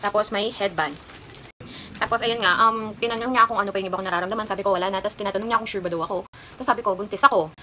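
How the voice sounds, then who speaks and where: A woman's voice: mid-range voice, fairly even intonation, racing, pushed and bright, slight background noise, low-quality recording. A young woman in her twenties with a Kapampangan accent, chatting casually in a haul vlog as she tells a personal story, rambling along with lots of fillers. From Philippines. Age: 20s. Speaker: vlogger.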